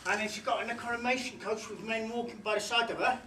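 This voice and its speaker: An actor playing an eager young schoolboy who stammers and strings everything together with "and then". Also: male voice, high voice, fairly even intonation, quick pace, bright, forceful tone. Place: theatre stage, dress rehearsal. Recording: roomy stage, far from mic, noisy.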